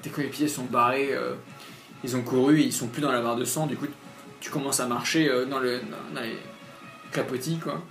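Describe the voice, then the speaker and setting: A man's voice: medium pitch, fairly even intonation, gravelly, fairly bright tone. Man game master in an echoey room. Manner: halting, filler-heavy narration. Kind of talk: narrating a horror tabletop game. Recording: roomy echo, faint music.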